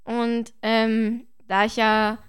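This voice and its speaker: A woman's voice: fairly high pitch, monotone, very slow, clear, resonant tone. A woman talking casually in a podcast conversation, colloquial and emphatic about how things strike her.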